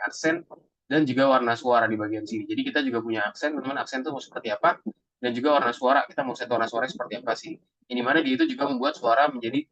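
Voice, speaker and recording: Fast-talking man teaching a class. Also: medium pitch, a bit bright, dry recording, dull audio. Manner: chatty, asks the class questions, says "teman-teman" often. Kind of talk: classroom lesson.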